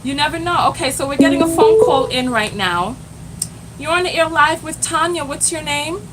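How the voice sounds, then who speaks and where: Hosting a live stream as a self-love coach, a woman talks at normal speed in a high voice over very noisy audio. She's animated, speaks right to her viewers in the chat, and exclaims "Lord have mercy."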